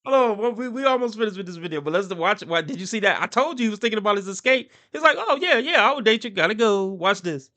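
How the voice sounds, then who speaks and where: A man's voice: high-pitched, lively intonation, quick pace, hardly any pauses, sharp tone. A man hosting a reaction commentary, talking with a mocking tone, often laughing and putting on voices to quote people. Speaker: commentary channel host.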